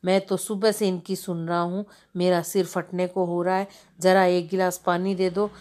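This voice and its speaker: A woman's voice: lowish voice, flat delivery, moderate pace, darkish tone, close to an everyday voice. Woman voicing an exasperated young boy. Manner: exasperated, bossy. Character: fed-up young boy forced to act grown-up.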